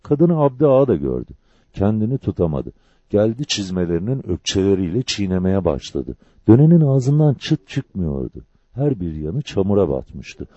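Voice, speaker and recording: A man narrates a novel with measured, expressive storytelling and a lively, rising and falling delivery. His voice is mellow and breathy. The recording is dull and dry, as on an old audiobook. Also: fairly low pitch, no room sound.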